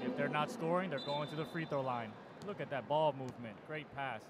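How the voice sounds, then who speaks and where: Man, basketball play-by-play, somewhat high voice, excited calls, loud arena crowd behind. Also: brisk, background noise. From United States. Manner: excited calls that jump in pitch on big plays. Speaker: play-by-play commentator. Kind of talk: live basketball commentary. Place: basketball arena broadcast booth.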